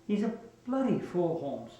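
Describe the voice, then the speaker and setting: An actor playing a blustery, exasperated police inspector in a film, talking impatiently. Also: male voice, sits high, big pitch swings, measured pace, dark tone. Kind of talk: dramatic film acting. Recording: very echoey, distant, music behind.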